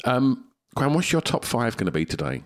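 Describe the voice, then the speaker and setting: A man's voice: medium pitch, very animated, normal speed. A man co-hosting a podcast in a casual, chatty way. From Essex, England. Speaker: podcast co-host. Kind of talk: casual show introduction and chat.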